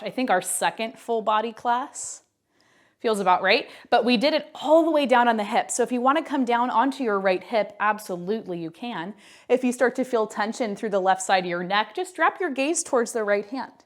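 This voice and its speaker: Leading a home Pilates workout indoors, a Pilates instructor in her twenties counts down reps while slightly winded, adding chatty encouragement. She has a mid-range voice and wears a mic.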